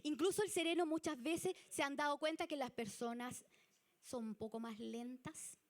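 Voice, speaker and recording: A woman with a Chilean Spanish accent giving a church youth leadership lesson, chatty and animated. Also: sits high, normal speed. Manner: chatty and animated, acts out example people.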